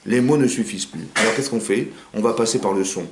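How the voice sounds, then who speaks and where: A man who is a rabbi giving an informal Torah class in a private home, talking quickly and firing rhetorical questions at his listeners. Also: fairly low pitch, very noisy. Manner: rapid, animated, asks the audience rhetorical questions. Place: living room of a private home. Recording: roomy home recording.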